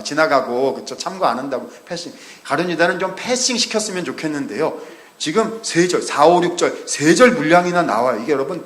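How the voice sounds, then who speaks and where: A man preaching a sermon in a lively, conversational way, often asking the congregation questions. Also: a little high, echoey room. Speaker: pastor. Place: church sanctuary.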